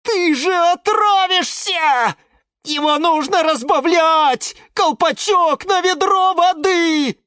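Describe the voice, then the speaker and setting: A reader doing Limon Filimon, shrill frantic lemon tree. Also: animated, unhurried, no echo, studio quality. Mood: alarmed. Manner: shrill, frantic, often shouting or hissing. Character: fussy male lemon tree, anxious and scolding. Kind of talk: children's audiobook reading.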